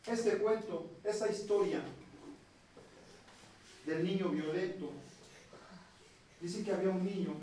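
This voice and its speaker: A man's voice: on the high side, darkish tone. A man telling a folktale in a plain, repetitive oral storytelling manner. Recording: echoey room, distant mic, faint noise.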